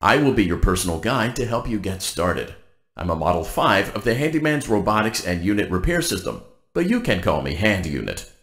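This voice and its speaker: A man with a voice on the low side, recorded with a roomy sound, plays a cheerful, blandly polite robot guide for a workplace in a game. He delivers scripted announcements deadpan, with upbeat corporate formality.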